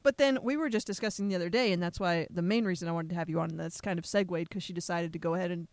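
A woman's voice: on the low side, racing, darkish tone, dry recording. A woman hosting a casual podcast, chatty and sarcastic. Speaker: podcast host.

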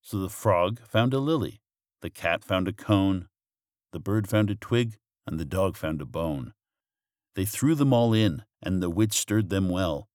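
A man with a low voice reads a rhyming bedtime storybook gently and rhythmically. He sounds close and dry, with no room around him. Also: lively intonation, measured pace, dry recording.

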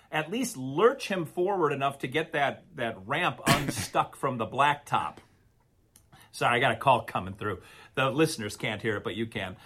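Bright, lively storytelling man. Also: on the high side, breathy edge. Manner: animated, rambling storyteller with lively swings. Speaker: podcast co-host. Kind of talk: casual storytelling.

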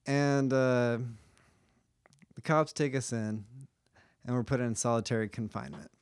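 A young man hosting a casual podcast, explaining a topic to a friend in a laid-back, joking way with quick asides. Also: mid-range voice, clean tone, dry recording, studio quality. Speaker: podcast host.

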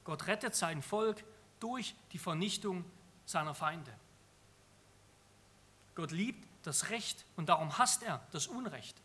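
A man's voice: high voice, expressive, takes it slowly, long pauses, bright, forceful tone, slightly rough. A man preaching an earnest sermon on a psalm, emphatic and often repeating phrases for stress.

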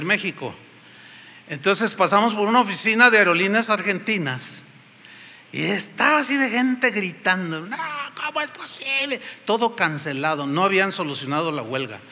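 A man with a Mexican accent preaches a sermon from the pulpit, weaving in a story and acting out its voices. His voice sits high and rings very bright. A long church reverb trails behind every phrase. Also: expressive, normal speed. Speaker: pastor. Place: church hall.

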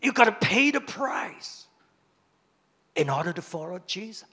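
A man preaches a sermon in a fairly high, bright voice. He speaks slowly and deliberately, pressing hard on key phrases before dropping to quiet, low asides. His delivery is emphatic and dramatic throughout. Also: very animated, slightly rough. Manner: preaching with big swings of volume and emphasis. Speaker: pastor.

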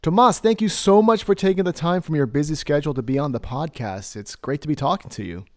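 A man hosts a podcast, reading a scripted introduction of his guest and then asking interview questions with brief backchannels. His voice is a little high and fast.

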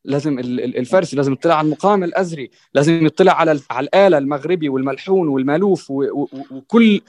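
A man's voice: fairly high pitch, racing, a little mellow, no room sound. A man with an Egyptian accent in a panel discussion, talking earnestly with many restarts and fillers and often checking in with "right?". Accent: Egyptian Arabic. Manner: earnest and exhorting. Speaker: guest musician on a panel. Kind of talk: conversational discussion.

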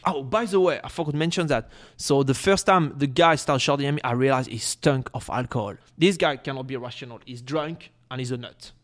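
A man's voice: medium pitch, a little fast, few pauses. A young adult man casually telling a long story, rambling with many fillers and acting out what people said. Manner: rambling, many fillers, acts out quotes in shouted voices. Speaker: storyteller on a chat show.

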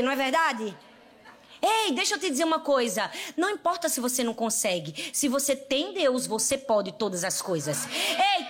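Very high-voiced Northeastern Brazilian woman preaching. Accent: Northeastern Brazilian Portuguese. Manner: fervent, addresses the audience directly with repeated calls; lively storytelling with laughter. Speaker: preacher to women. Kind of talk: sermon.

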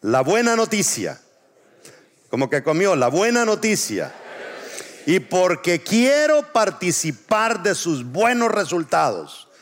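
A man's voice: sits high, big pitch swings. A male pastor preaching a sermon. He asks the congregation to repeat words after him and stretches out key phrases. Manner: call-and-response preaching, drawn-out emphasis.

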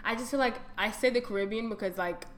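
A woman's voice: a little high, fast talker, a bit bright. A woman with a Brooklyn accent chatting casually and bluntly, with plenty of slang and swearing. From Brooklyn, New York. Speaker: podcast host. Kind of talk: casual candid chat. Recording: some background noise.

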